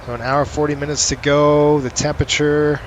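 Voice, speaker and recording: A man with a fairly high voice speaks a little fast with little pitch movement, chatting casually as a virtual airline pilot streaming from a flight simulator. He reads out viewer comments while flying, with clear, vehicle-like cockpit noise in the background.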